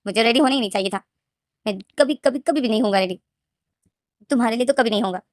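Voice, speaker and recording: A woman voicing a tearful young man who pleads and protests in a high, strained voice. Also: fast, dry recording, studio quality, natural voice. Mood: protesting.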